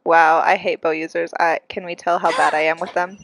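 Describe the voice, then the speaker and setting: While live-streaming a game over its music, a congested woman chats wryly and playfully to her viewers, breathing heavily. Her voice is lowish and flat, her pace brisk, with no room sound.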